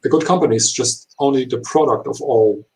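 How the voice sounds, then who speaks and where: A man of 39 who is not a native English speaker gives interview answers in halting, imperfect English full of hesitations. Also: medium pitch, mellow, low-quality recording. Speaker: HR professional being interviewed.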